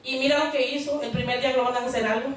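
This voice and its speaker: A woman's voice: sits high, fairly even intonation, racing, a little hiss or hum. A woman preaching a sermon in a church, talking conversationally and putting questions to the congregation. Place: church hall. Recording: very echoey hall, mic far off.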